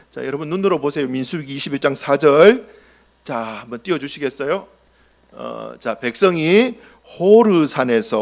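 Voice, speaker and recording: Animated male pastor preaching. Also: sits high. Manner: animated, acts out scenes, asks the congregation questions. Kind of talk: sermon.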